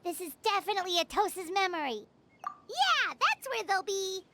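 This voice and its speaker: Cast a chirpy little sprite companion: very high, bouncy, swooping. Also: female voice, moderate pace, very noisy, heavily acted. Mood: excited. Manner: excited, bouncy exclamations. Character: tiny chirpy floating female companion sprite. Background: loud game score.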